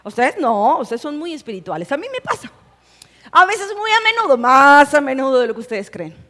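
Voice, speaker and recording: Young woman pastor, high-pitched and animated, preaching live in a reverberant church hall. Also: brisk. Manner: animated, humorous, acts out quoted voices. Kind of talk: sermon.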